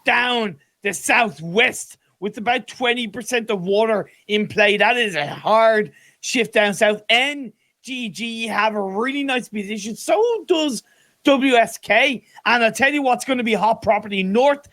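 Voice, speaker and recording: A man's voice: very high-pitched, unhurried, pushed and bright. A man commentating a live esports match, giving conversational tactical analysis.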